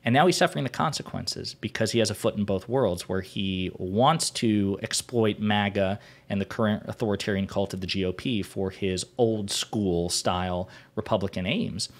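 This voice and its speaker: A man hosting a political commentary show, speaking casually but deliberately, with strong opinions and a wordy, formal vocabulary. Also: fairly low pitch.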